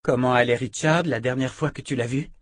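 A man's voice: medium pitch, fairly even intonation, fairly quick, dry recording, pitched above the performer's own voice, close to an everyday voice. A commanding woman inquisitor from a storybook, firm and controlled, as a man reading aloud plays her. She gives orders without raising her voice. Close, dry narration sound. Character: stern woman inquisitor, commanding yet tender.

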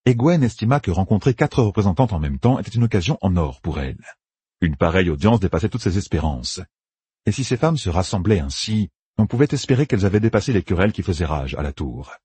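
Man, audiobook narrator, husky breathy voice, lively pitch, expressive fantasy reading. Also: no room sound. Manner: expressive, voices each character. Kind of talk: scripted fantasy novel narration.

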